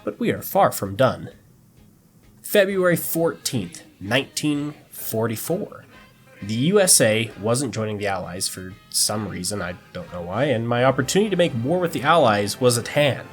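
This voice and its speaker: Lively mock-dramatic male game narrator. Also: medium pitch, moderate pace, faint music behind. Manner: mock-dramatic storyteller, dry jokes. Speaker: strategy game video narrator. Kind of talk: scripted game narration with wry asides.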